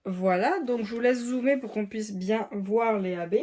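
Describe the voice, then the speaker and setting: A woman's voice: medium pitch, moderate pace, darkish tone, slight background noise. A woman hosting a craft channel, methodically listing color codes and pointing out spots while chatting directly to her viewers. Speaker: diamond painting channel host. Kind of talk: casual unboxing walkthrough.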